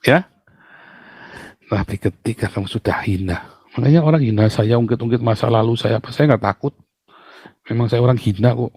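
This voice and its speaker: A man's voice: mid-range voice, normal speed, long pauses, darkish tone, husky, dry recording, studio quality. A middle-aged man preaching a sermon, telling family stories with sudden exclamations and laughs. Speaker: pastor.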